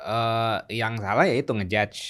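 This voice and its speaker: A man, co-hosting a casual relationship talk and acting out quoted lines. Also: normal speed. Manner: animated, acts out quoted lines with pitch jumps. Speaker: relationship coach co-host. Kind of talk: casual conversation.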